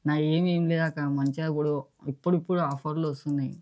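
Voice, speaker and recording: A woman's voice: low-pitched, steady tone, quick pace, warm tone. A woman with a Telangana Telugu accent in casual comic banter as a guest, rambling and repeating her phrases. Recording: noisy, clicks in background.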